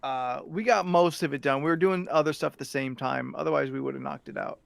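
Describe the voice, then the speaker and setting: A man hosts a casual podcast chat. His voice is a bit higher than most men's, with plenty of creak, and it is recorded very dry. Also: brisk, no room sound. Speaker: podcast host.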